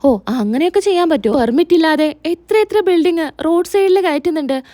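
A woman's voice: very high voice, lively intonation, a little fast, dark tone, no echo, voice pushed up. A woman voicing a hot-tempered young husband in a retold serial, speaking indignantly with a raised voice.

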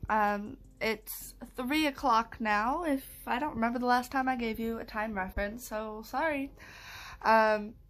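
A woman's voice: on the high side, measured pace, fairly bright tone. A young woman in casual vlog chat, rambling and self-mocking as she talks to a phone held at arm's length in her bedroom. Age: young adult. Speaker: vlogger. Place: small bedroom at home, indoors.

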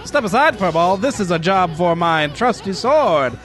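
A man voicing a brash, self-important male swordsman, declaiming slowly and grandly. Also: high voice, very animated, fairly bright tone, soft background music, pitched above the performer's own voice. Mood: bold.

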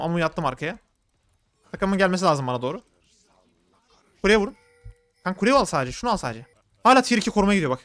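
Fast-talking man in exasperated game commentary. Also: high-pitched, a bit bright, no echo. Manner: rapid, exasperated play-by-play, complains about teammates. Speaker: gaming streamer. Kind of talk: live gameplay commentary.

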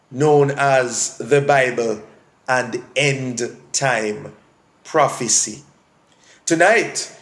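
A man teaching a church Bible study as pastor, deliberate and repeating key phrases for emphasis. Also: on the high side, echoey room.

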